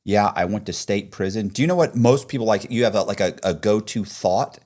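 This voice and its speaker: A man's voice: on the low side, a little fast, darkish tone. A man hosting a podcast, telling stories in casual chat, profane and fond of acting out the people he quotes. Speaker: podcast host.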